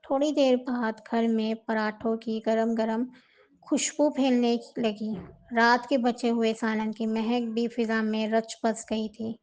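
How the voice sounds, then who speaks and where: A woman narrating a novel with slow, emotive storytelling. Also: a little high, flat delivery, darkish tone.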